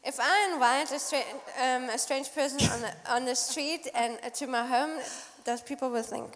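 A woman's voice: high-pitched, moderate pace. A woman interpreting live at a church gathering, often hesitating and searching for the right words. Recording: echoey hall with long reverb.

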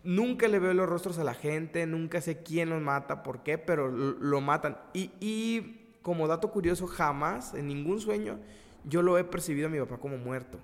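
A man's voice: a little high, expressive. Mexican man telling stories in a roomy echo. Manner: slangy, storytelling, halting restarts. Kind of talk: casual podcast chat. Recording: roomy long reverb.

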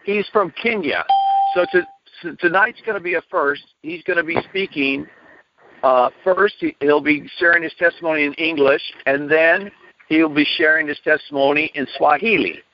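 Male host, slightly high voice, casual chat, lo-fi muffled audio. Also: moderate pace. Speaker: radio show host. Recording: dull lo-fi radio call audio.

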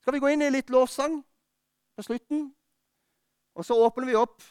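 This high-voiced pastor gives his church sermon fervently, then eases into soft, personal talk, his tone smooth, resonant and steady. It's captured close to the mic, dry, with no sense of the room.

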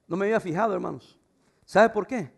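A middle-aged man pastor preaching a sermon, swinging from loud fervent passages to quiet, intimate asides. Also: high-pitched, a little fast, vocal fry, breathy edge.

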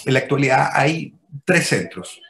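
A man's voice: medium pitch, lively intonation, normal speed, vocal fry, a bit bright. A Chilean man, a physician, explaining his work patiently over a video call and often checking in with his listener. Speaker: physician interviewed as a guest.

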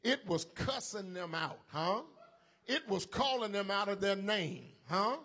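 A male preacher with a high-sitting, animated, sharp-toned voice delivers a slow, emphatic sermon. He calls on the congregation to repeat his words back to him.

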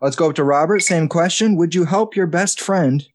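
A man with a slightly high voice hosts a tongue-in-cheek game show from a video call. He is playful and laughs often between questions. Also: moderate pace, a little mellow.

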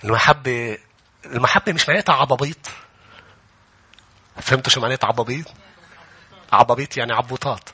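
Forceful, husky preacher man. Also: medium pitch, fast talker, pauses often. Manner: impassioned preaching, often rising to shouts. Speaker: pastor. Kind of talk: sermon.

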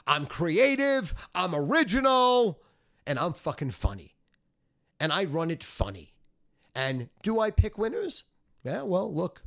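Playing the sports betting handicapper, this middle-aged or older man is brash, cocky, smug and foul-mouthed as he rants his sales pitch with heavy emphasis. He's very animated yet keeps a measured pace, with a creaky voice and long pauses.

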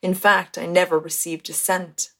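A woman narrating a first-person memoir as an audiobook in a measured, steady storytelling manner. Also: fairly low pitch, vocal fry. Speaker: audiobook reader.

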